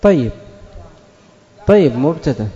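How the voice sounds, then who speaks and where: A man teaching Arabic grammar to a class, quizzing students and repeating example sentences slowly. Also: on the high side, big pitch swings, warm tone, long reverb tail, dull audio.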